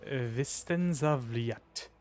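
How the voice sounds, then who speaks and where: A man with a medium-pitched, darkish voice speaks slowly over soft background music. He's a streamer commentating live gameplay, poking fun at himself and swearing and exclaiming at what happens on screen.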